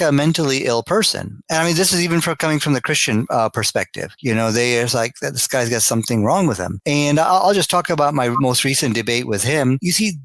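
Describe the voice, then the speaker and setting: A man from Pakistan, a guest on a podcast, talking in a rambling, lively way with many restarts. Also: medium pitch, no echo. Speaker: guest debater. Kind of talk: casual interview talk.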